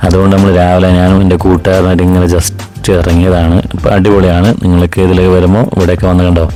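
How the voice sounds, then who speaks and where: Deep-voiced Kerala man mixing in English words. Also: completely flat delivery, fast talker, mellow. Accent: Kerala Malayali. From Wayanad, Kerala, India. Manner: mixes English words into Malayalam. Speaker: travel vlogger. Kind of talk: casual vlog commentary. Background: background music.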